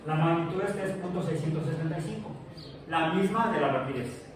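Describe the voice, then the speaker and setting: High-voiced male teacher in echoey classroom. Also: fairly quick, a crowd in the background. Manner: explains step by step with frequent restarts and checks. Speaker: science teacher. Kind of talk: classroom physics lecture. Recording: echoey classroom from far off, noisy.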